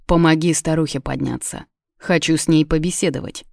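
A woman's voice: sits low, steady tone, fairly quick, creaky, a little mellow, no echo, studio quality. A woman voicing a stern young king who gives curt orders, in a storybook reading. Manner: curt, commanding.

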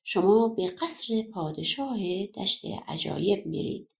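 A woman's voice: mid-range voice, lively intonation, vocal fry. Sly little storybook man, woman putting him on, knowing, echoey room. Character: mysterious short man from the water.

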